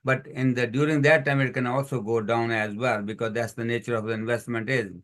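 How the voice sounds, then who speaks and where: This financial educator talks a little fast, with a flat delivery, a medium pitch and a fairly bright tone. He's presenting a money workshop for the community over a video call, explaining through list after list of examples in non-native English phrasing.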